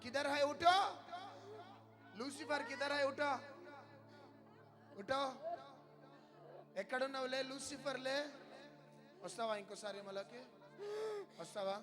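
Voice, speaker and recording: A man preacher leading a deliverance prayer, firing repeated commands and questions and bursting into shouts. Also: extremely high pitch, fairly even intonation, unhurried, long pauses. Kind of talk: charismatic deliverance sermon. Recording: loud music behind the voice.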